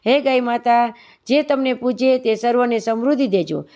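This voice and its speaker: A woman narrator voices an older village widow, the mother-in-law of a religious fable. She speaks a little high, scolding and devout by turns, with little change from the storyteller's own voice. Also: moderate pace, a little mellow, close to an everyday voice.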